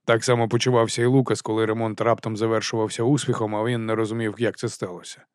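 A man's voice: lowish voice, level tone, fast, a little mellow, dry recording. Man narrating an audiobook, dry and close.

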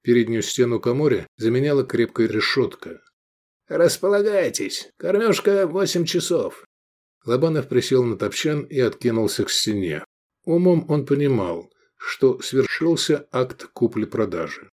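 A man narrating an audiobook with expressive, animated reading. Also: medium pitch, normal speed. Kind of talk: scripted narration.

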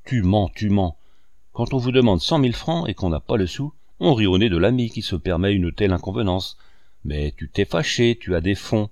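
A man's voice: on the low side, expressive, normal speed, darkish tone, no echo, studio quality. A man voicing a greedy, mocking male accomplice who blackmails in a sneering, taunting way.

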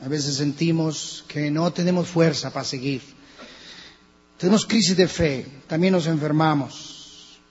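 A man with a Colombian accent preaching a sermon as pastor, swinging between hushed and loud passages. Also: a little high, unhurried, breathy edge. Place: church hall. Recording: lo-fi church recording with long reverb and mains hum.

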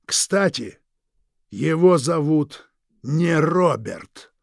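A menacing male villain drawls each threat with mocking courtesy, as a man reads him in an audiobook. The voice sits higher than usual and carries a gravelly edge. The sound is close and dry. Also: animated, no echo, full character voice. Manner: slow, drawn-out, sneering politeness. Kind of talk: audiobook reading.

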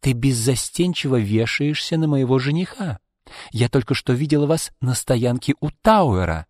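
A man's voice: medium pitch, animated, normal speed, darkish tone, no room sound, studio quality, in a large hall, voice pushed up, close to an everyday voice. A man voicing a spiteful, jealous young woman who sneers and hisses threats. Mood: spiteful, menacing.

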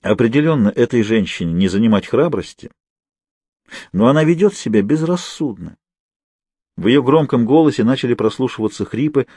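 A man narrating an audiobook in a measured, even storytelling manner, recorded on a close mic. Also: medium pitch, husky, no room sound.

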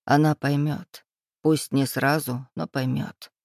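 A reader voicing a grave, quiet young father in an audiobook. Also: medium pitch, level tone, takes it slowly, creaky, no echo, studio quality. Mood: hushed. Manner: hushed, grave. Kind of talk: audiobook character voice.

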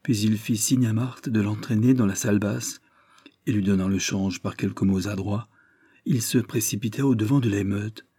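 A man narrating a historical adventure novel as an audiobook, measured and dramatic. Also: on the low side, mellow, husky. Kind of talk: scripted narration.

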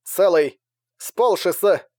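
A man voicing a desperate male soldier shouting in broken fragments over a crackly radio full of static. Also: sits high, slow, pitched above the performer's own voice. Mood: urgent. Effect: crackly radio transmission breaking up in static. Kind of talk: audiobook narration.

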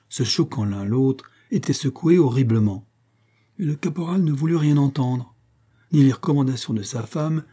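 A man narrating a classic adventure novel as an audiobook, in a measured, even storytelling manner. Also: medium pitch, husky. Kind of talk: scripted narration.

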